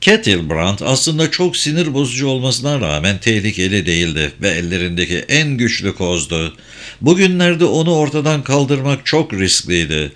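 A man narrating a thriller audiobook in a steady, measured reading voice. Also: mid-range voice.

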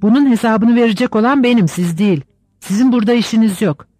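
A man's voice: sits high, fast talker, no echo, clean studio sound, voice pushed up. Denisov, a hot-tempered cavalry captain read by a man. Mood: furious. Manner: blunt, shouting bursts.

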